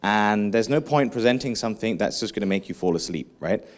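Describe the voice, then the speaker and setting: A man delivers an energetic keynote in a fairly low voice. He keeps the audience involved, tossing them questions and quick asides as he goes. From England. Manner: lively, engaging, asks the audience questions, frequent "right?". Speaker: keynote speaker.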